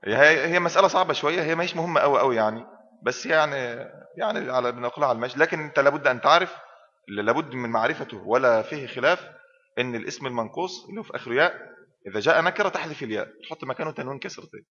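A man's voice: medium pitch, lively intonation, rapid-fire, sharp tone. A man with an Egyptian accent, a sheikh giving a classroom lesson, constantly asking his students questions and completing the answers himself. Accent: Egyptian Arabic. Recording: reverberant hall, dull lo-fi sound.

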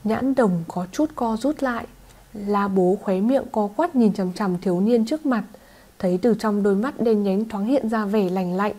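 A woman reads a fantasy novel aloud as an audiobook narrator. Her voice is mellow and soft-edged, with a steady, even delivery. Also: mid-range voice, normal speed. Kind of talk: scripted narration.

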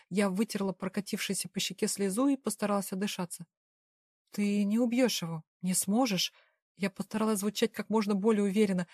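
A woman narrates a first-person audiobook with tense, emotional delivery. Her voice sits at a middle pitch. The recording is dry and close, with no room sound. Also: darkish tone, no room sound.

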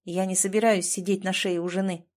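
A woman reading an audiobook and voicing a stubborn, proud man who speaks in a low, hollow, guarded tone. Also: little pitch movement, brisk, darkish tone, natural voice. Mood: tense. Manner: clipped, tense and reluctant. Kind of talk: audiobook character voice.

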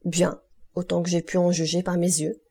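A woman's voice: lowish voice, flat delivery, normal speed, vocal fry, mellow, breathy edge. A woman reading the lines of an eager, courteous young male ship's mate in an audiobook. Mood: earnest.

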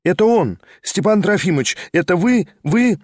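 An impulsive, teasing young noblewoman, as a male reader puts her on spills out eager exclamations in a raised, higher voice. The sound is close and dry, with no room around it. She is a storybook figure full of spirit. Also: expressive, normal speed, no room sound.

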